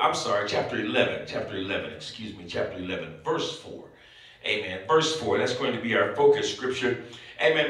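A man's voice: medium pitch, pushed and bright. A man preaching a sermon at a pulpit microphone, dropping frequent amens between phrases. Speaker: bishop preaching. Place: church sanctuary. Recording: echoey church sanctuary, mic at a distance.

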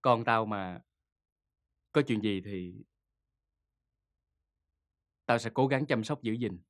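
An actor playing a devoted young boyfriend with a Southern Vietnamese accent, soothing and reassuring. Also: male voice, on the low side, a little slow, no room sound, clean studio sound, close to an everyday voice. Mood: earnest.

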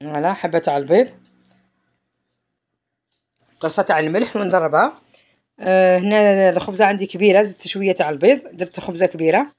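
A home cook with an Algerian Arabic accent narrates a cooking tutorial from her kitchen, chatting along and often trailing off mid-phrase. Her voice is on the low side and darkish, and she talks fast with frequent pauses.

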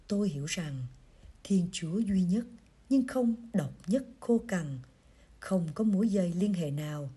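Very breathy, slow-reading woman. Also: on the low side. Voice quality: very breathy, husky voice. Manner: gentle, measured storytelling delivery. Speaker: reader of a priest's pastoral letter. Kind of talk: scripted reading of a pastoral reflection.

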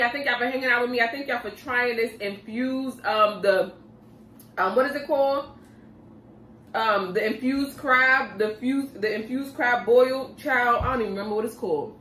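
A woman's voice: fairly high pitch, normal speed, fairly bright tone, a little hiss or hum. Slangy woman chatting while she eats, echoey room, mic kinda far off. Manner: laid-back and slangy, talks between bites. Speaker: mukbang vlogger. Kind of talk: casual chat while eating.

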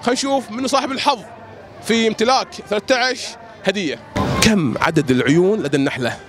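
Kuwaiti male quiz host, rapid prize-list delivery with small hesitations, crowd around him. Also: sits high, music in the background. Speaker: street quiz show host. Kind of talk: prize announcing and street quiz hosting. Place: outdoor fairground at night. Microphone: handheld microphone. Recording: busy outdoor crowd behind voice. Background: crowd chatter.

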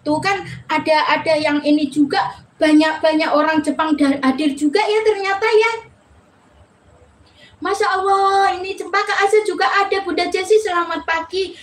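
High-voiced woman live streaming. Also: slight background noise. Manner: chatty, reads viewer names aloud, laughs often. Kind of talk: casual live-stream chat greeting viewers.

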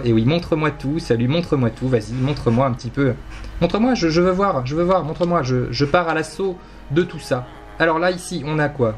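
A man's voice: fairly high pitch, a little hiss or hum. A young man casually commenting on his Minecraft gameplay, rambling playfully, teasing and mocking himself. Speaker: gaming YouTuber.

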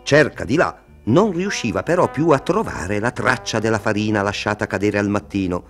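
A man narrating a fairy tale for children, expressive and talking to them directly. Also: fairly low pitch, a little fast, faint music behind. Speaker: storyteller.

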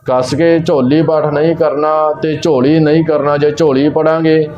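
A man teaching the correct recitation of scripture, reading verses slowly and carefully and explaining how each word is pronounced. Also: fairly high pitch, flat delivery. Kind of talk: slow recitation lesson. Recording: dull lo-fi audio with faint music.

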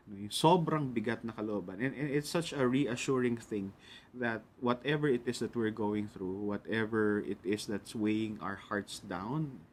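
A middle-aged Filipino man with a Filipino accent delivers an earnest radio sermon, moving easily between Tagalog and English. His voice sits at an ordinary pitch for a man. A faint hiss of noise stays in the background. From Philippines. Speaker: radio pastor. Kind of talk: devotional sermon.

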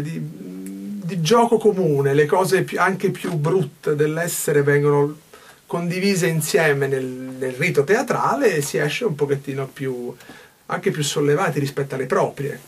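A man in his fifties, a stage actor, talks about his work in a small dressing room. His voice is gravelly and sits a little high for a man. He thinks aloud and circles back to rephrase his points. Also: unhurried. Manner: reflective, gestures a lot, restarts mid-phrase. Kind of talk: backstage interview.

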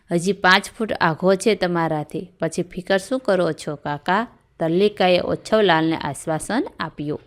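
A woman teacher with a Gujarati accent reads aloud to schoolchildren in a low, steady voice. She moves through the story and then works through each question and answer in a clear, measured way. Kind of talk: reading a story aloud and going through a textbook exercise.

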